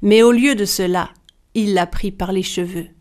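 Woman storyteller, fairy tale, measured, dramatic, mid pitch. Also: a little mellow.

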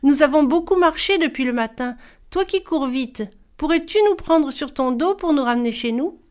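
A woman voicing a young male forest spirit who calls out loudly and asks favors politely, in a storybook reading. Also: high-pitched, normal speed, voice pushed up, close to an everyday voice. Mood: pleading.

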